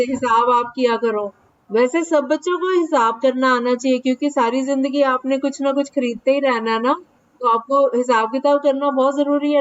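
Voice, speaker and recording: A middle-aged woman teaching a math class online to children, coaxing and scolding students by name in a lively way. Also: sits high. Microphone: online class mic. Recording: dull lo-fi online class audio.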